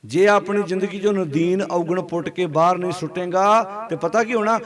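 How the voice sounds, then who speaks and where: High-voiced man preaching. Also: moderate pace. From Punjab. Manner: quizzes the congregation, asks them to answer aloud. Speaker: Sikh preacher. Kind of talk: sermon. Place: gathering before a congregation.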